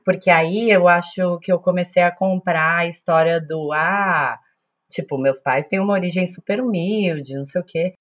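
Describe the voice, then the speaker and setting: A woman's voice: on the low side, steady tone, normal speed, lo-fi sound. A woman in her thirties with a Brazilian Portuguese accent, telling stories in a chatty, informal, self-mocking podcast style. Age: 30s. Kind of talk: casual podcast storytelling.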